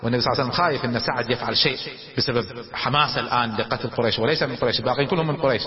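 A man telling religious history as a lecture, dramatic and animated. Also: medium pitch, rapid-fire. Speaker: religious storyteller. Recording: dull recording with long reverb.

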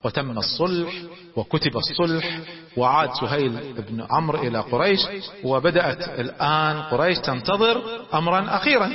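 A man giving a religious history lecture as a dramatic storyteller, swinging between loud and hushed. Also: a little high, expressive, brisk, crowd noise. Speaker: preacher and lecturer. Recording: dull recording in a large echoing hall with audience.

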